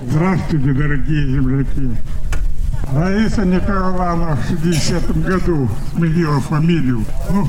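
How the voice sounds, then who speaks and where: A man's voice: sits high, low-quality recording. A man in his eighties addressing fellow villagers in a plain, matter-of-fact speech. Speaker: speaker at a village reunion. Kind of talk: public speech. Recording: crowd noise behind.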